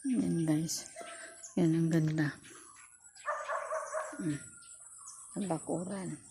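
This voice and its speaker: A woman's voice: low-pitched, fairly even intonation, very slow, creaky. A middle-aged woman vlogging casually outdoors in a rural yard, chatting to viewers and her dog, recorded on a phone. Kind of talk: casual vlog chat. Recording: faint outdoor noise.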